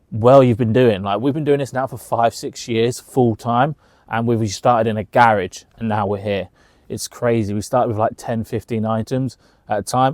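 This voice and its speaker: A man's voice: mid-range voice, darkish tone, no echo. Chatty British man, close dry sound. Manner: chatty, colloquial, with emphatic repeats and slangy asides. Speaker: online reseller giving a tour of the business. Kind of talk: informal walkthrough vlog narration. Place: indoors, walking through warehouse rooms.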